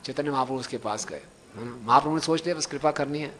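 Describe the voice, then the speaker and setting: A man giving a devotional sermon, telling a story with animated acted-out voices and jokes for his listeners. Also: medium pitch, fast talker, long reverb tail. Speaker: preacher.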